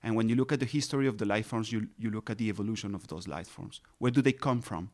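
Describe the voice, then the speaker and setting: A man's voice: on the low side, fast, darkish tone. A man in his thirties, raised in Colombia, patiently explaining his research as a guest in an interview, with frequent restarts and fillers. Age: 30s. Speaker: ecologist guest.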